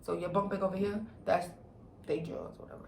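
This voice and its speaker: Animated young woman telling a story, gravelly voice. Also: fairly low pitch, quick pace. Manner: animated storytelling, acts out quotes, heavy slang and swearing. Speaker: vlogger telling a personal story. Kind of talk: casual story time. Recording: roomy echo with faint background noise.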